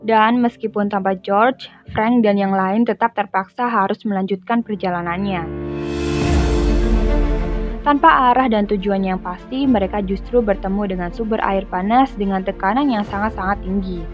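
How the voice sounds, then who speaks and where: A woman narrates a film's plot in a scripted, even storytelling voice, moving through events one after another. The voice-over sounds slightly dull and lo-fi, with faint music playing beneath it. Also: mid-range voice, moderate pace. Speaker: film recap narrator.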